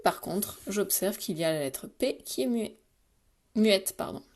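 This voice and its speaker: A woman teacher giving a spelling dictation to young children, speaking slowly and pronouncing each syllable with care. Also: medium pitch, lively intonation, a little mellow. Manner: slow, carefully articulated, patient; repeats words and stresses syllables for spelling. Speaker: primary school teacher.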